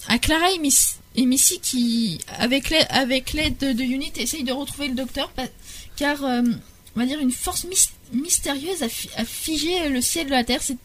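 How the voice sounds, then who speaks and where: A young woman with a high voice chats through a podcast segment, stumbling and restarting her sentences often. Her talk is full of fillers and hesitations. A faint noise hums behind her. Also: normal speed, a bit bright. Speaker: podcast columnist. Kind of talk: casual podcast chat.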